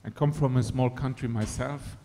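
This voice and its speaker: An audience member from Luxembourg, a screenwriter-director, asks a question from the floor, speaking thoughtfully with many fillers. His medium-pitched voice is mellow and fairly even in intonation, at a normal speed. Hall reverb and slight background noise are audible.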